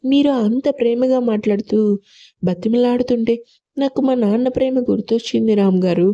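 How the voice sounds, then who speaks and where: Female reader as innocent young wife, plaintive and soft, very mellow tone. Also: fairly high pitch, moderate pace, natural voice. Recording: lo-fi audio.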